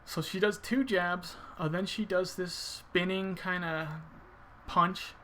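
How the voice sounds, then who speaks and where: A man's voice: sits high, fairly even intonation, takes it slowly, bright, forceful tone, a little hiss or hum. A man giving casual video game commentary, thinking aloud informally as he explains his technique.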